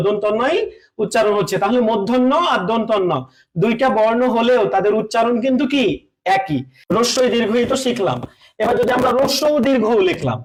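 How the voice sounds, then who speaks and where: A man with a very high voice teaches a lesson at a board. He asks his listeners questions, answers them himself, and repeats each point. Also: rough recording.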